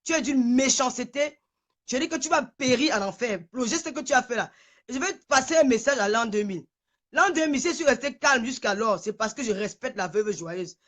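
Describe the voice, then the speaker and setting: A high-voiced woman furiously ranting on a phone live stream. She trembles with anger, repeats her insults again and again, and stammers when the words pile up. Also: animated, brisk. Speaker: livestreamer. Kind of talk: angry livestream rant.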